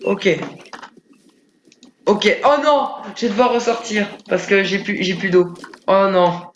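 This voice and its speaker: A man's voice: steady tone, a little slow, echoey room, muffled recording, a little hiss or hum. A young man giving rambling, filler-heavy commentary while playing a modded game. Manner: rambling, filler-heavy, panics into high yelps. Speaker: gameplay commentator. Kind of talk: Minecraft let's play commentary.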